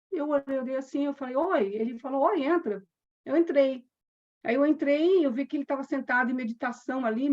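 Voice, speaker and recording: A woman from Brazil, a yoga teacher, telling a personal story with quoted dialogue and slow chanted mantras. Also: high voice, darkish tone. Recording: dull lo-fi sound.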